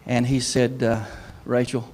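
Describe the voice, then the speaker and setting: A man's voice: fairly high pitch, animated, normal speed, darkish tone, slight background noise. A middle-aged man, preaching a sermon in a folksy, humorous storytelling way. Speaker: pastor.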